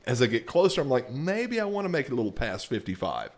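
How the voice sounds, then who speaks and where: A man's voice: medium pitch, big pitch swings, fast. A man, co-hosting a podcast with self-deprecating, profane jokes. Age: 40s. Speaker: podcast co-host. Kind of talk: casual podcast banter.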